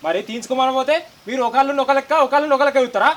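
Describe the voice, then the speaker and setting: A hot-tempered, greedy son-in-law with a Telangana accent, acted by a young man. He speaks very fast in a high, bright, sharp voice. He taunts in an aggressive way. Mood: angry. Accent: Telangana Telugu.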